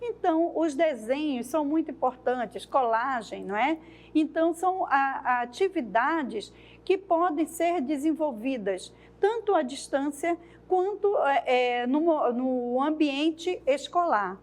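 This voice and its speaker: A woman's voice: high voice, expressive, unhurried, darkish tone. A woman training teachers, explaining lesson activities at a thoughtful pace and often adding tag questions.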